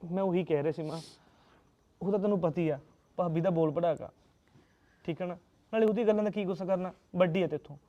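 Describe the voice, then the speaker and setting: A man playing a soft-spoken, apologetic young Punjabi husband. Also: high voice, fast talker, long pauses, dull audio, lightly acted. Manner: soft, pleading and reassuring. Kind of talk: Punjabi short-film acting.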